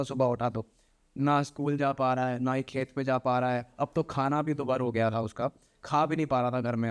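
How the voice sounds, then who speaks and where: A man's voice: mid-range voice, clean tone. A young man, a podcast guest, telling a horror story dramatically, repeating phrases and acting out voices. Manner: animated, repetitive, acts out voices.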